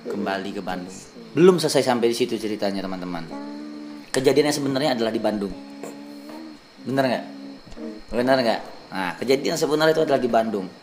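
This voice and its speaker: Talking very fast in a voice on the low side, a young vlogger from Indonesia tells a ghost story on camera, animatedly performing the quoted voices. Soft music plays in the background of this casual vlog.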